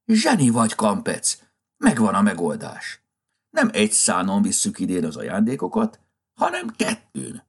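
A man's voice: on the low side, creaky, slightly rough, voice pushed up, exaggerated voice. A man voicing a grumpy, flustered old Santa Claus in a storybook reading, with a scolding, impatient manner. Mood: excited. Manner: scolding, then tender and excited.

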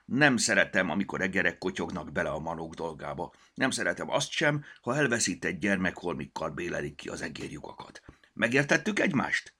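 A man's voice: low-pitched, very animated, sharp tone, slightly rough, heavily acted. A man voicing a grumpy, fussy male gnome sleuth in a storybook, muttering and exclaiming. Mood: grumbling. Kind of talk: storybook character voice.

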